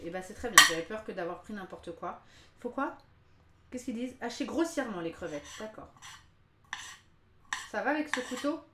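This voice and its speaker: A woman's voice: medium pitch, a bit bright, a little hiss or hum. A young woman streaming live while she cooks, chatting casually, joking at her own expense and laughing often. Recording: roomy kitchen with faint clatter.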